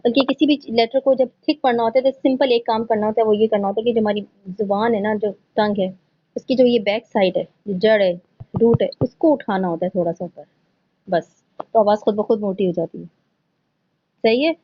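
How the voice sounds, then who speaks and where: In a muffled recording, a woman with a slightly high voice teaches Quran recitation online as a tajweed instructor. She proceeds patiently, step by step, blending English words into her teaching.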